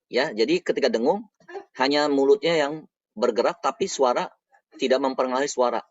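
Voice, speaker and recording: A man teaching the rules of Quran recitation in a patient, explanatory manner, repeating each point slowly. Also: mid-range voice, no echo. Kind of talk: explanatory lesson. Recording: dull, dry lo-fi recording.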